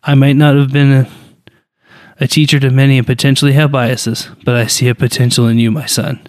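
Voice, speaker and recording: A man doing a gentle fatherly mentor, calm earnest words, mid-pitched, dry sound. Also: a little fast, no echo, lightly acted. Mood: tender. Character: wise, proud older male mentor and father figure.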